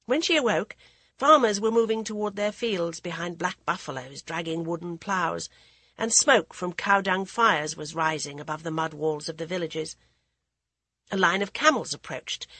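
Female audiobook narrator, husky, dry close recording, middle pitch. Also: bright, forceful tone, no room sound. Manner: voices characters with raised pitch. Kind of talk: scripted storybook narration.

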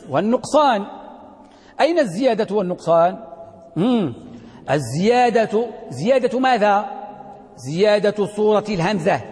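A man teaching a lecture on Quranic readings as a sheikh, asking the class questions, answering them himself and slowly repeating key words. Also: sits high, darkish tone. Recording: long hall reverb.

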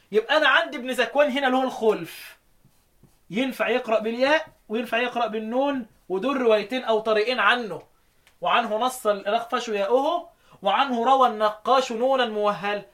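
A man with an Egyptian Arabic accent teaching a lesson on recitation readings, asking questions and answering them himself, chanting verses slowly. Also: very high voice, fairly bright tone.

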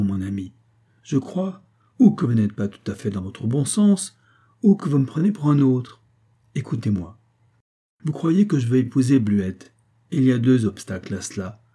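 A man playing a wry, calm nobleman. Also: medium pitch, slightly rough, voice pushed up. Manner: calm, lightly amused. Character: aristocratic man, calm, wry, good-humoured.

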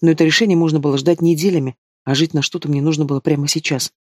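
A man reads a first-person story at a brisk clip. His voice sits a little high for a man and stays steady. The recording is dry and close, with no room sound. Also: no echo. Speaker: audiobook reader. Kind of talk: scripted first-person narration.

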